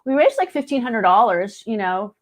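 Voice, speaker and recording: Very animated and pitched on the high side, this woman speaks at a normal speed. She's a late-fifties guest, a singer and video editor, casually sharing stories and acting out others' words.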